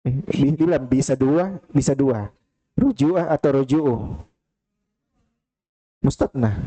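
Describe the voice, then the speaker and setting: A man leads an Arabic grammar class in a mosque study hall. He talks slowly in a warm, mellow voice and calls on students one by one with playful teasing. The recording sounds dull and lo-fi. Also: a little high.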